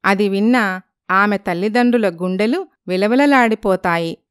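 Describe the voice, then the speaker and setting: Smooth-voiced woman narrating a storybook. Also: medium pitch, normal speed, dry recording, clean studio sound.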